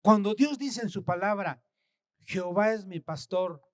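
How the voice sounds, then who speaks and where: A man preaching a sermon, swinging from loud, emphatic scripture reading to soft, murmured asides. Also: high-pitched, measured pace, dry recording, studio quality. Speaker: pastor.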